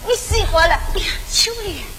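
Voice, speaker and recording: A woman with a Gannan accent playing a lively young village sister in a tea-picking opera, with bright, animated stage speech. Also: extremely high pitch, brisk. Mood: scolding. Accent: Gannan (southern Jiangxi). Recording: stage recording in a reverberant hall with faint noise.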